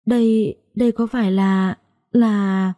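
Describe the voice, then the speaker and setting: A woman's voice: medium pitch, steady tone, normal speed, mellow, dry recording, clean studio sound, natural voice. A woman voicing a frightened young woman who asks trembling, broken questions. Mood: shaken, tearful.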